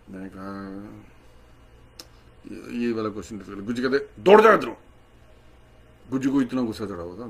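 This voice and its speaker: A man telling a devotional story in an animated way, mixing Hindi and English and acting out what others said. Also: medium pitch. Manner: mixes Hindi and English, animated, acts out quoted lines. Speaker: devotee sharing a satsang story. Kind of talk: storytelling talk.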